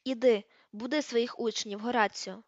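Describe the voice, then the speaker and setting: A woman reading the part of a stern, commanding older female professor in an audiobook, giving crisp, sharp orders. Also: a little high, steady tone, normal speed, no echo, highs cut off.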